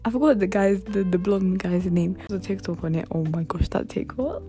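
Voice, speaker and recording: A woman's voice: mid-range voice, a little fast, mellow, soft background music. A woman in her late teens, chatting casually and rambling, giggly and talking to herself on her home podcast. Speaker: podcast host. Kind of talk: casual solo podcast chat.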